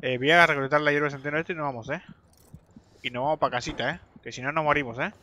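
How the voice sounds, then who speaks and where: Over a little hiss or hum, a young Argentine streamer speaks at a quick pace, his high-side voice steady in tone, bright and forceful. He gives chatty live commentary straight to his viewers while gaming, with swears and yelps when fights go badly.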